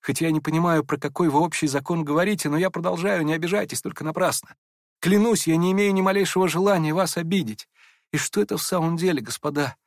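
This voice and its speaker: A man's voice: fairly high pitch, dry recording, clean studio sound, natural voice. A man voicing a meek, kind young prince who speaks hurriedly and apologetically. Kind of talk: audiobook character voice.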